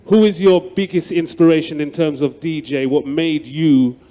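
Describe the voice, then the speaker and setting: A man's voice: fairly high pitch, steady tone, normal speed, warm tone. Polite man asking a question from the floor. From United Kingdom. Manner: polite, respectful greetings. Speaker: audience member asking a question. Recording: long hall reverb.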